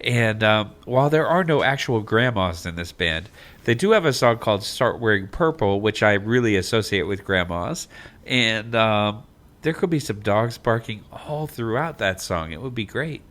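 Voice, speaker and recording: A man's voice: lowish voice, moderate pace. A man hosting a casual podcast chat, joking and running the segments. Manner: lively, joking, runs the segments. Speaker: podcast host. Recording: uneven podcast audio.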